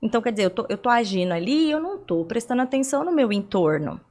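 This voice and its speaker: A woman's voice: a little high, sing-song, very fast, a little mellow. A young adult woman from Brazil, a guest on a podcast interview, explaining things at length with rhetorical questions and everyday examples.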